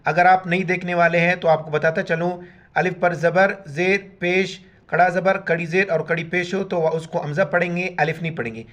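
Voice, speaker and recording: A man teaching Quran recitation, chanting words letter by letter in slow drawn-out syllables and explaining each rule in quick plain speech. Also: sits high, steady tone, a bit bright. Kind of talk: spelled-out recitation lesson.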